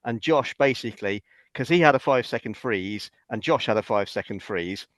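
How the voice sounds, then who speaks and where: A British man tells lively anecdotes as a podcast guest. His voice sits at a middling pitch. The sound is dry and close to the mic. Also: brisk, no room sound. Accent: British English. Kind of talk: casual chat.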